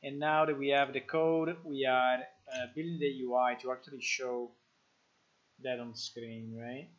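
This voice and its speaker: Italian-accented man, game developer, casual live-stream chat, halting, dull lo-fi audio. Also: mid-range voice, fairly even intonation. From Italy. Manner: thinking aloud, reading chat, many fillers and restarts.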